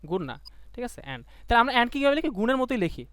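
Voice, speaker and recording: Young man, online tutor, quick colloquial talk, high voice, dry sound. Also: sing-song, fairly bright tone, dry recording. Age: young adult. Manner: quick, colloquial, asks students questions. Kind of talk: live online class lecture.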